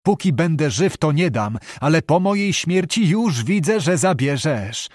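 A man voicing an old, gruff knight uncle who is practical and worried, speaking in blunt archaic phrases. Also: a little high, big pitch swings, unhurried, darkish tone, no echo, studio quality. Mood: musing.

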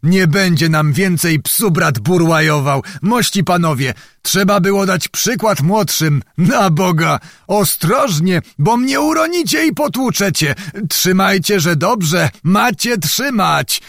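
A man voicing a boastful, sly old nobleman who brags and fusses in drawn-out exclamations. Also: high-pitched, animated, vocal fry, fairly bright tone, no echo, studio quality, pitched above the performer's own voice, heavily acted. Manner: bragging, fussy, drawn-out exclamations.

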